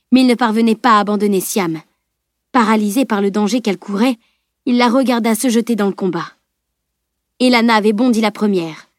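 A woman narrating a fantasy novel as an audiobook in a steady, clear reading voice. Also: mid-range voice, no room sound, clean studio sound. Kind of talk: scripted narration.

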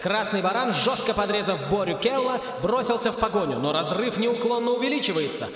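A man's voice: sits high, lively intonation, a bit bright, very echoey, big-room sound, pitched above the performer's own voice. A man doing a gushing race commentator. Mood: excited. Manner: rapid gushing play-by-play. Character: excited male sports race commentator.

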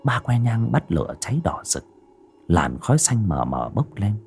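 A man narrating a scripted horror story with a dramatic, breathy delivery. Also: lowish voice, sing-song, normal speed, a little mellow. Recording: faint background music.

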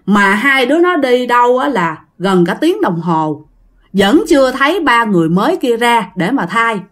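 A woman telling a ghost story in a casual, lively way, acting out the voices she quotes. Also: fairly high pitch, moderate pace.

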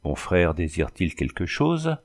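A laconic young Native woman guide speaks in brief, formal phrases, cool and unhurried, as a man reads her aloud. The voice sits fairly low and carries a gravelly edge. An audiobook character voice. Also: full character voice. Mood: calm. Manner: terse, formal, calm.

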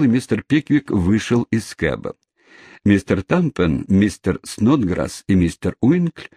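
A man narrating a novel as an audiobook, telling the story in an expressive, lively way. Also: sits low, breathy edge, no room sound, studio quality.

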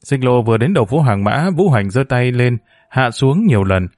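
A man narrating a novel as an audiobook in a steady, measured storytelling voice. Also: medium pitch, no echo, clean studio sound.

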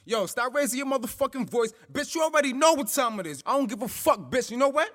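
A young man playing a jealous, violent boyfriend who yells profane threats and then drops into lowered hisses. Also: big pitch swings, fast talker, in a large hall, full character voice. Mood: furious. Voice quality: profane, menacing street talk. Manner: yelling, threatening, swinging between shouts and lowered hisses.

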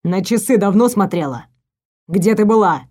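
A woman voicing an angry, menacing young stepbrother who talks low and mocking. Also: lively intonation, moderate pace, a little mellow, natural voice.

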